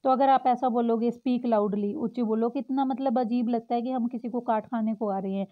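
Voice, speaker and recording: Woman English tutor, fairly high voice, patient and slow on example phrases, thin phone-like audio. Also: fairly even intonation. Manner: explains patiently, reads example phrases slowly. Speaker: English teacher. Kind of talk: spoken English lesson for Hindi speakers. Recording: tinny phone-like sound.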